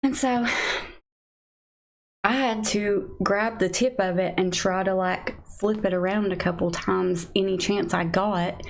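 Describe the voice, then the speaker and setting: A woman's voice: mid-range voice, fairly even intonation, measured pace, creaky. A young woman telling a story on a live stream in a rambling, casual way, full of "like" and restarts. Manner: rambling, filler-heavy, frequent "like".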